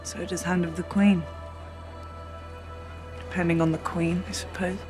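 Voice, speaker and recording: Actress as guarded young noblewoman in fantasy tv, lowish flat delivery, music behind. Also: measured pace, natural voice. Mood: cool, pointed. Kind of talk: television fantasy drama dialogue.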